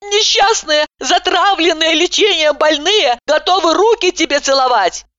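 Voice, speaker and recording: Woman putting on a shrill furious young woman. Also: a little slow, no echo, highs cut off. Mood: indignant. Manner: shrill, yelling. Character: excitable indignant young woman, loud and furious.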